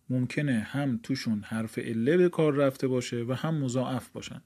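A man teaches a grammar lesson in a mellow, darker voice. He reads a line from the textbook, then puts it into casual, everyday words. His pitch sits in the middle range for a man. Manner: reads the book aloud, then explains it in casual speech. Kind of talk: explaining Arabic grammar from a textbook.

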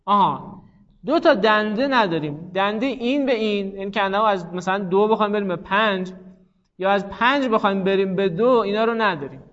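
A man with a high voice lectures a class in a patient, stepwise way and keeps putting questions to his listeners. His voice trails off into a long reverb. The recording is dull and muffled. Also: a bit bright. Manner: explains step by step with rhetorical questions to students. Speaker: teacher.

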